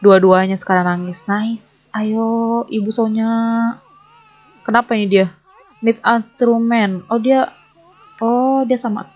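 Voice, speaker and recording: A woman's voice: a little high, fairly even intonation, slow pace, long pauses, darkish tone, dull audio. A young woman chatting casually over her gameplay, often flustered and talking to the characters on screen. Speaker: gaming YouTuber.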